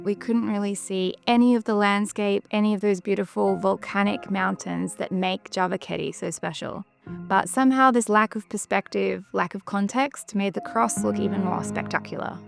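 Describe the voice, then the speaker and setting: A woman giving scripted travel narration in a measured, descriptive storytelling manner. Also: medium pitch, vocal fry. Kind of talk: scripted documentary-style narration.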